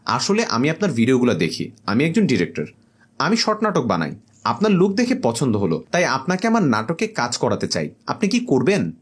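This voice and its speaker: Man voicing friendly director guy, polite, chummy, husky, lively pitch. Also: fairly quick. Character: friendly male drama director, smooth talker.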